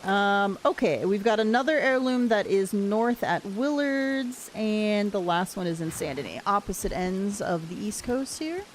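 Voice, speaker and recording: A woman with a mid-pitched voice chats informally while streaming a game, speaking up over rain in the background. She is loose and conversational, swearing casually, with faint noise and game ambience behind her. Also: animated, measured pace, hardly any pauses, rough recording. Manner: raises voice to talk over rain. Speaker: game livestreamer. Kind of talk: casual livestream chat while gaming. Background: game audio with rain.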